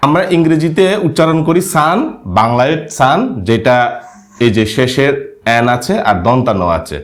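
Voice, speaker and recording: A man teaching a language lesson, explaining spelling and sounds step by step and often checking with a questioning "yes?". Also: moderate pace. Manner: frequent questioning "হ্যাঁ?" to check understanding; lively rising and falling pitch.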